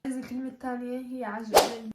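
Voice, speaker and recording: High-voiced Levantine woman in an echoey room. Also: level tone, racing, heavy background noise. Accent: Levantine Arabic. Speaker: challenge video participant. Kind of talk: casual playful game chat.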